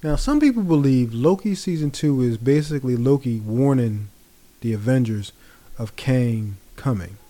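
A man with a mellow, darker tone talks casually as a vlogger. His delivery is loose and rambling, full of fillers and easygoing asides. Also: mid-range voice, normal speed. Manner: rambling, relaxed, many fillers. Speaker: pop culture vlogger. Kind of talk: casual commentary.

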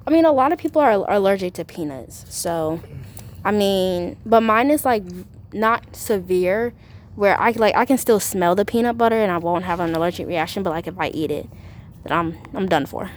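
A woman's voice: mid-range voice, normal speed. A young woman, a college student, talking as a podcast guest in a chatty way, full of "like". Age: young adult. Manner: chatty, fills speech with "like". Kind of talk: casual chat.

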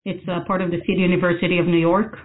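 A woman, answering interview questions as an architect in a thoughtful way with many pauses and restarts. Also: lowish voice, flat delivery. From Israel. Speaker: guest architect. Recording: phone-like narrow sound.

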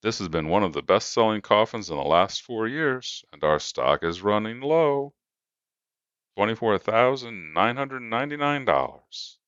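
A man's voice: on the low side, animated, unhurried, fairly bright tone, smooth, no room sound, voice pushed up. A brash, pushy coffin salesman who rattles off prices with slick patter, as a man puts him on. His voice rises above a plain, dull-sounding dry recording. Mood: salesy. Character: pushy smooth-talking male coffin salesman.

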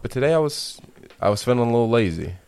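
A young man co-hosting a podcast, telling an embarrassing story in a laid-back, deadpan way. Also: mid-range voice, fast talker, gravelly, clear, resonant tone, no room sound. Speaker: podcast co-host.

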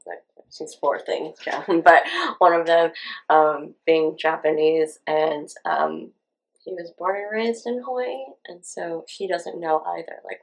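Gravelly, low-voiced woman interviewer. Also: rough recording. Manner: curious, probing questions. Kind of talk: casual interview conversation.

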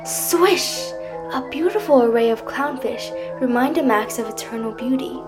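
A woman narrating a children's audio story in a lively, expressive way. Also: sits high, measured pace, over music.

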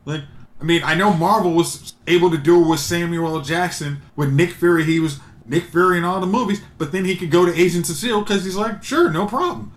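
A man's voice: on the high side, fairly even intonation, fairly quick. Rambling man in casual chat. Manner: rambling, opinionated, thinks aloud. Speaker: podcast co-host. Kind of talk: casual chat about superhero movies.

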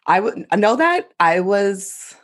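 A young woman co-hosting a podcast, telling animated stories and swearing freely in casual chat. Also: mid-range voice, slow pace. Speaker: podcast co-host.

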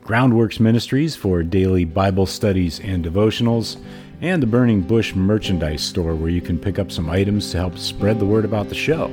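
A man hosting a podcast and reading aloud in a hoarse, froggy voice. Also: deep voice, moderate pace, a little mellow, soft background music. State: hoarse throat. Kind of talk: audiobook-style reading and podcast sign-off.

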